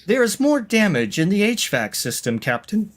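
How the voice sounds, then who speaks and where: A man running a tabletop role-playing game, narrating scenes in a dramatic, halting way. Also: sits high, big pitch swings. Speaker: game master.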